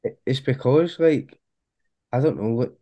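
Scottish bloke, broad accent, slangy matey interview chat as a music guest. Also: male voice, mid-range voice, a little slow, dark tone, muffled recording.

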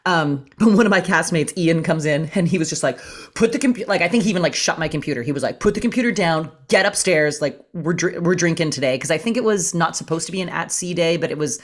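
Low-voiced woman telling a story. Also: fast talker, few pauses. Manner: animated, acts out quotes in a high voice. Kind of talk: casual storytelling chat.

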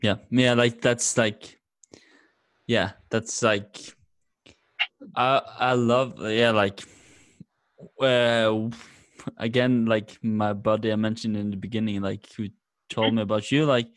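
Low-voiced male host, halting speech. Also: level tone, dry recording. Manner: halting, searching for words, many fillers. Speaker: podcast host. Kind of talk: conversational podcast interview.

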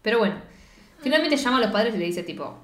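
A woman's voice: a little high, expressive, quick pace, fairly bright tone. A young woman with a Rioplatense Spanish accent chatting casually as co-host, retelling film scenes and acting out the lines. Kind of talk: casual chat. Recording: echoey room.

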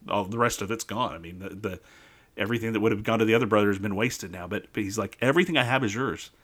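A man in his forties giving an earnest devotional Bible talk as a team chaplain, slowing down on key phrases. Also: fairly low pitch, fairly bright tone.

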